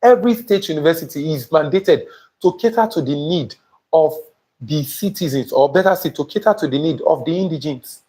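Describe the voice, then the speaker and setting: A young man with a Nigerian accent and a warm, expressive voice on the high side teaches a live-streamed session fairly quickly. Working as an admissions tutor, he is emphatic and often asks viewers whether he makes sense, speaking into a small lapel mic in an indoor studio before a printed banner.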